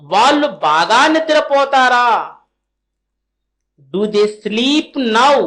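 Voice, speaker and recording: High-voiced woman drilling language phrases very slowly. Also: a bit bright. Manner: slow, deliberately spaced English phrases, each followed by a translation. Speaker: spoken English teacher.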